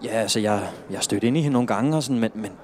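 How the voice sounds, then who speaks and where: In a film drama scene, a man with a lowish, slightly mellow, natural voice plays a worried, earnest friend. He hesitates and stumbles through false starts.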